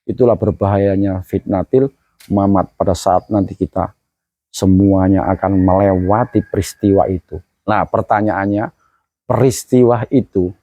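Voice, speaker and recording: A man's voice: lowish voice, warm tone, dry recording, highs cut off. A man giving a religious sermon as a teacher, telling his story vividly and dramatically with many hums.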